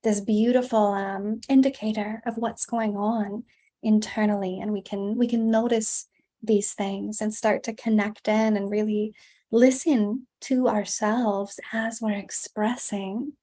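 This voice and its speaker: This is a conversational interview with a guest who teaches women's embodiment. Her mid-range voice has a dark tone and fairly even intonation, and she speaks unhurriedly yet in a flowing, emphatic way, frequently restarting words and adding "like."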